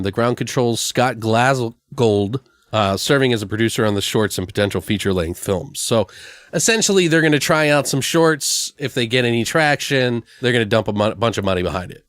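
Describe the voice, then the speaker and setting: Here a male podcast co-host, medium in pitch, goes over horror movie news in a loose, slangy chat with plenty of cursing. The recording is studio quality and echo-free.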